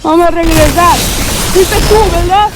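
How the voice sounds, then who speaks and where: A woman giving playful, excitable commentary while playing a video game and yelling at what happens on screen. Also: very high voice, a little slow, background noise. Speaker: gaming channel host. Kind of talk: let's play commentary. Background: loud game music and gunfire.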